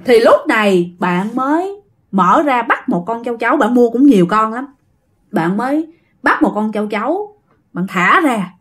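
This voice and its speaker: A woman's voice: a little high, big pitch swings, normal speed, a bit bright. A woman with a Southern Vietnamese accent casually telling a ghost story and talking directly to her listeners. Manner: chatty, addresses listeners directly.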